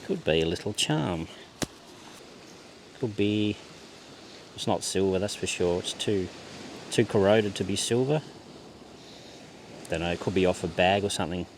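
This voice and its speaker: A man's voice: sits low, expressive, a little slow, long pauses. Man in casual outdoor commentary, noisy background. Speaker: metal detecting vlogger. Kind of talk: casual running commentary while searching. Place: outdoors on a beach. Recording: clear outdoor background noise.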